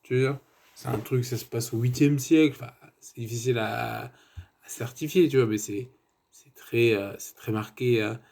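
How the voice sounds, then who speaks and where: Man, 30s, mid-pitched and mellow, digressive casual film reviewer. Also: normal speed, gravelly. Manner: rambling and digressive, many fillers and tu vois asides.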